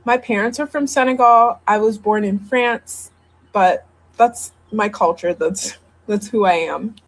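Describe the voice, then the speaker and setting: Hesitant young woman telling a personal story. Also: mid-range voice. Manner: halting, hesitant, many ums and restarts. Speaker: social media video poster. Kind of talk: personal video confession.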